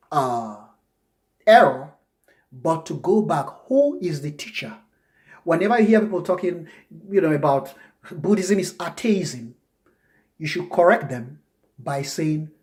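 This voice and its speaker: A man giving a spoken commentary lecture on scripture, emphatic and repetitive, often jumping up high to act out mock questions. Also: darkish tone. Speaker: religious commentator.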